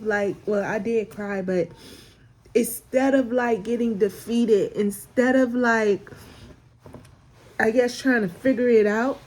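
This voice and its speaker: A woman's voice: on the high side, darkish tone. A woman, sharing a personal faith story in a casual, emotional way, close to tears and repeating phrases for emphasis. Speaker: vlogger sharing a faith testimony.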